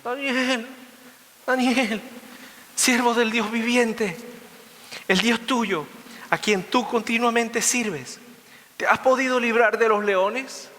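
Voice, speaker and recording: A man voicing an anguished ancient king who cries out in a high, drawn-out voice, heard in a big reverberant church. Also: bright, forceful tone, heavily acted. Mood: anguished calling.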